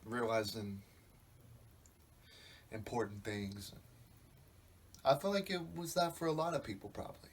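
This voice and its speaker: A man's voice: lowish voice, animated, unhurried, long pauses, slightly rough. A man in his twenties talking on a podcast in a loose, rambling, reflective way, swearing freely. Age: 20s. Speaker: podcast host. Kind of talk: casual podcast monologue.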